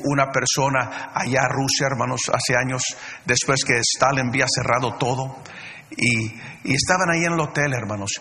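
A man's voice: mid-range voice, sharp tone. A man preaching a fervent sermon, constantly calling out to the brethren with many fillers and restarts. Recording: long hall reverb.

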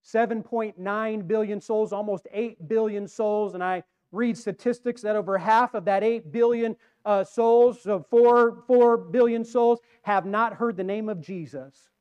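Male pastor, sermon, high and smooth voice, earnest, shifts loud to soft. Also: fairly even intonation, a little slow, few pauses, muffled recording. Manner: earnest preaching, swings from loud emphasis to quiet. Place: church.

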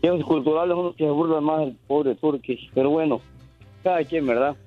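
A man's voice: fairly high pitch, fairly even intonation, fairly quick, soft background music. A man from Guerrero, Mexico, calling in to a radio show and recalling his hometown in an easygoing way. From Tierra Caliente, Guerrero, Mexico. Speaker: radio caller. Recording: dull phone line.

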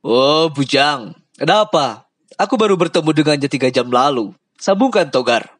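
A man voicing a friendly, easygoing loyal man who talks cheerfully and a little loudly. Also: on the high side, lively intonation, normal speed, dry recording, clean studio sound, voice pushed up.

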